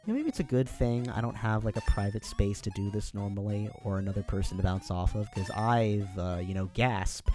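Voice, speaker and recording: A man's voice: fairly low pitch, animated, brisk, few pauses, darkish tone, faint music behind. An American man chatting on his own during a livestream, rambling and self-deprecating with plenty of fillers. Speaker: streamer.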